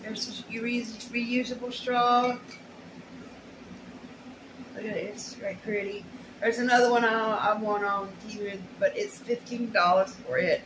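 Her voice is a little high with fairly even intonation and a slightly slow pace. This middle-aged haul vlogger chats casually through an unboxing in a small bare room at home, rambling folksily with muttered asides, recorded by a camera or phone a short distance away, with roomy echo and clear background noise.

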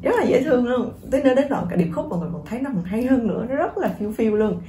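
A woman teaching English pronunciation through a song, encouraging her viewers and repeating words slowly to demonstrate them. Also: fairly high pitch, big pitch swings, dark tone, echoey room, slight background noise.

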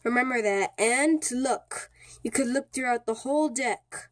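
Seated at a small table indoors, a speaker with a mid-range voice walks through a card trick step by step, going a little slowly. The tutorial is casual and repetitive, and the speaker keeps checking in with the listener.

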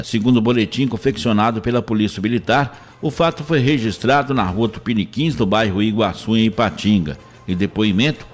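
A man with a Minas Gerais accent reading a police news bulletin in a steady, formal way. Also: medium pitch.

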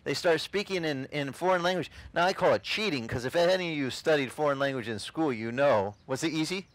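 A middle-aged man, whose first language is not English, preaches an animated and casual sermon outdoors on a beach, gesturing and acting out the voices he quotes. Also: fairly high pitch, a little fast, no room sound, low-quality recording. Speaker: pastor.

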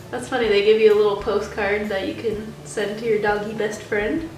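A young woman with a congested head cold chats casually while unboxing a gift box for her dogs and talking to them, seated on a couch in a small bedroom. Her mid-range voice moves at a moderate pace and is picked up by a distant camera mic, giving a roomy, off-mic sound with background music.

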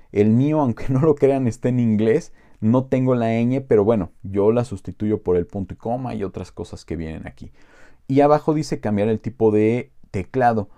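A man with a Mexican Spanish accent casually walking viewers through a software tutorial, rambling with many fillers and asides. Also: fairly low pitch. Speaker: tech tutorial host.

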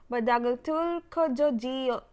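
A woman's voice: sits high, slow pace, a little mellow, clear, resonant tone. A young woman with a Filipino accent, chatting playfully and poking fun at herself in a casual vlog. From Philippines. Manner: chatty, playful, self-deprecating. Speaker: YouTuber. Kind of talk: casual vlog talk, Taglish.

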